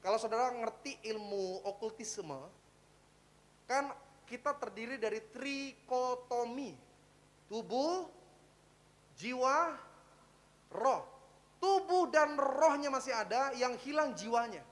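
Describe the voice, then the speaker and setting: A male pastor preaches in a loose, conversational style, full of slang and stray English words. He swings from loud cries down to hushed, low tones as he drives his point home. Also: animated, takes it slowly, long pauses, long reverb tail. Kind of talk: sermon. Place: church service, livestreamed.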